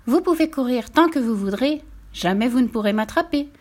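A woman's voice: a little high, lively intonation, a little fast, a little mellow, voice pushed up. A woman voicing a boastful little gingerbread boy who taunts his chasers in a sing-song way. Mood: taunting.

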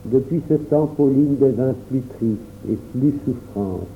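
A man narrating a storybook in a calm, measured first-person voice. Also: medium pitch. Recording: tinny phone-like audio with faint hum.

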